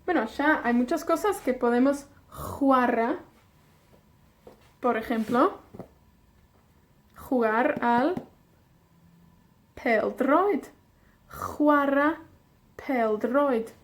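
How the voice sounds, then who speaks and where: Woman, from Wales, language teacher, beginner lesson, high voice, very slow, patient repetition. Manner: patient, repeats words slowly for learners to echo.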